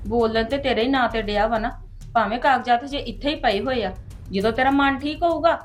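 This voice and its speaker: A woman's voice: a little high, fairly quick, soft background music, lightly acted. A woman playing a resentful sister-in-law. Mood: sharp. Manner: complaining and sharp. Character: resentful sister-in-law worried about debts.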